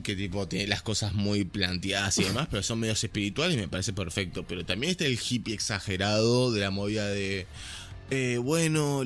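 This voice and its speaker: A man's voice: lowish voice, a bit bright. A young man with a Uruguayan Spanish accent, co-hosting a casual podcast and ranting heatedly, swearing as he goes. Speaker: podcast co-host.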